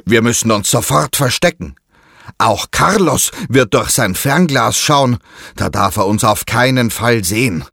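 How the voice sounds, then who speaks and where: A calm island sorcerer from a storybook takes the lead, as a man plays him. He speaks steadily and decisively, in a voice set a little higher than normal. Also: unhurried, creaky, slightly rough, dry recording, clean studio sound, exaggerated voice. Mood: serious. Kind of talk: children's audio story.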